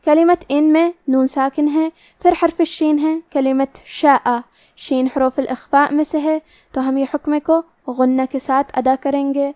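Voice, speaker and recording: A woman teaching Quran recitation rules in Urdu with a Pakistani accent, explaining each rule in a methodical, steady way before reciting. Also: high-pitched, no room sound, studio quality. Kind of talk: tajweed lesson, explaining rules then reciting slowly.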